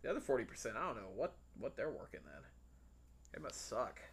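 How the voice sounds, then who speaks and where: A man's voice: mid-range voice, creaky, breathy edge. A young man co-hosting a podcast, joking and riffing in casual chat. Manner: joking, animated, quick with jokes. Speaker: podcast co-host.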